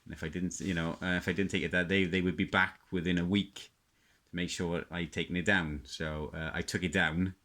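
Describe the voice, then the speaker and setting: This man speaks low and flat, a little fast with few pauses, his tone fairly bright. He's a middle-aged South Welsh radio hobbyist rambling hesitantly through an unscripted show-and-tell, reminiscing as he goes.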